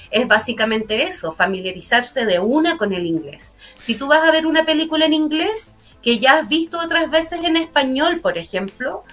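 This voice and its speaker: Interviewed in a broadcast studio, the Chilean-accented woman English teacher lays out language learning in an earnest, step-by-step manner. Her voice is fairly high and a bit bright.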